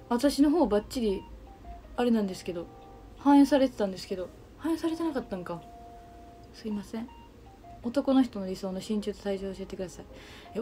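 A woman's voice: medium pitch, mellow. Young kansai girl on a livestream, chatty, reading out comments, faint music behind. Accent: Kansai Japanese. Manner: chatty, reads out and answers viewer comments. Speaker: livestream host. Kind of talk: casual livestream chat with viewers.

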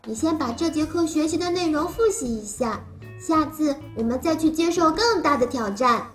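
A woman's voice: sits high, lively intonation, moderate pace, soft background music. A woman voicing a cheerful, child-like little cartoon creature who teaches phonics, talking simply and encouragingly as if reading to a toddler. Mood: eager, encouraging. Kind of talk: animated lesson for small children.

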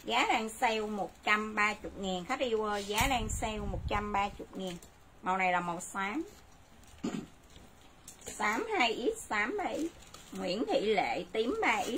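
A woman, selling clothes live and briskly repeating sizes and prices to viewers. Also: medium pitch, animated, fairly bright tone. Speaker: livestream clothing seller. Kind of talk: live sales stream. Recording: noisy livestream audio.

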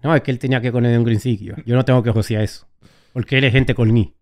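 A man's voice: mid-range voice, fairly even intonation, quick pace, darkish tone. A man in casual joking banter, teasing and playful, sometimes bursting into song.

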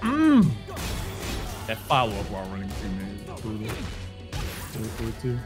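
A man's voice: on the low side, wildly swooping pitch, measured pace. A man giving casual live fighting game commentary, bantering and using slang over the match. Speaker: esports tournament commentator. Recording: music behind the voice.

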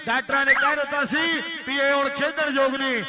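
A man's voice: extremely high pitch, little pitch movement, fairly quick. A man with a Punjabi accent giving frantic live rural sports commentary, repeating phrases rhythmically and calling out prize money as announcer. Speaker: kabaddi match commentator and announcer. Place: outdoor village sports ground. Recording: noisy outdoor PA, loud background noise.

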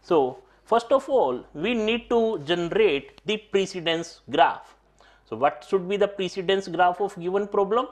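At a digital whiteboard in a studio classroom, a middle-aged man gives an exam-prep lecture in a high-pitched voice with lively intonation. He keeps a measured pace, going over key points again and frequently addressing the students.

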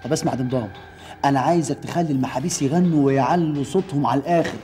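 An actor playing a flustered, talkative young prince in a TV fairy-tale drama. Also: male voice, mid-range voice, rapid-fire, dark tone, echoey room, soft background music, natural voice. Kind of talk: TV drama acting.

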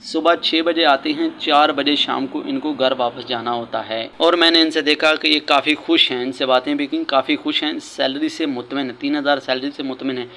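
A man's voice: fairly high pitch, steady tone, normal speed, few pauses, pushed and bright, a little hiss or hum. A man from Pakistan giving casual, earnest vlog commentary at an outdoor construction site, repeating his key points as he gives advice. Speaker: vlogger.

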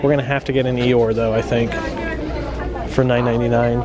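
A man's voice: mid-range voice, level tone, brisk. A man from central Florida chatting casually while shopping, reading out prices and joking. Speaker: vlog co-host. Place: busy indoor store. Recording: loud crowd in background.

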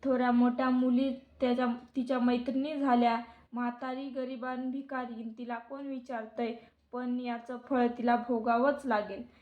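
A woman voicing an angry poor old woman, a goddess in disguise, speaking softly and bitterly as she scolds. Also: a little high, little pitch movement, moderate pace, close to an everyday voice. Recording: dull lo-fi recording.

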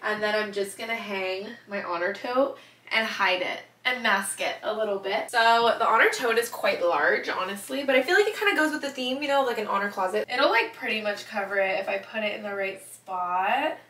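A woman's voice: medium pitch, fairly quick, a bit bright, roomy sound. A woman in her twenties, a lifestyle vlogger, chatting casually and upbeat while organizing her bedroom closet, filmed on a camera close by. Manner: chatty, upbeat, lots of "like" and "literally". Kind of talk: casual vlog narration. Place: small bedroom with closet, indoors.

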